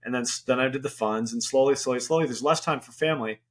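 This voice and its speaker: A man's voice: medium pitch, fast. A middle-aged man, a guest on a podcast, talking candidly in a casual, rambling way with lots of fillers. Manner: rambling, candid, full of "you know" fillers. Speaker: podcast guest, venture investor. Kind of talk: casual interview conversation.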